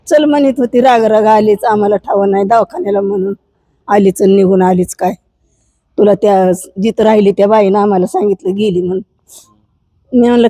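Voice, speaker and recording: A woman's voice: on the high side, warm tone, no echo, clean studio sound. An elderly woman, crying as she tells an interviewer about her hard life in an old age home. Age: older. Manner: tearful, pleading rural speech. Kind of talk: emotional interview testimony.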